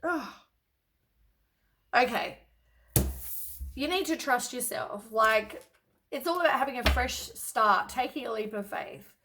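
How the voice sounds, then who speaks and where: A woman's voice: fairly high pitch, lively intonation, takes it slowly, long pauses, noisy background. A woman doing a casual tarot reading to camera, blunt and exasperated, with lots of sighs and casual swearing. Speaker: tarot reader.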